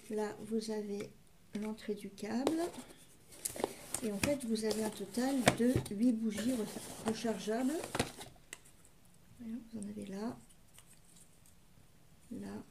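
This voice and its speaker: A woman's voice: medium pitch, background noise. A woman casually presenting her shopping haul, hesitant and full of fillers as she describes each item step by step. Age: adult parent.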